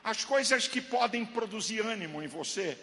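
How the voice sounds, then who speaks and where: A man preaches to his congregation with a high, very bright, piercing voice that leaps up and down. He swings from shouted lines to low murmurs. A long reverb from the church hall trails every phrase. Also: expressive, moderate pace. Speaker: pastor. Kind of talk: Pentecostal sermon.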